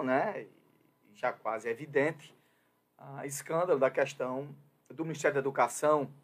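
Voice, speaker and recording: A husky, mid-range male voice delivers opinion commentary on a Brazilian radio or web show. At first he hesitates with lots of fillers, then grows emphatic and insistent.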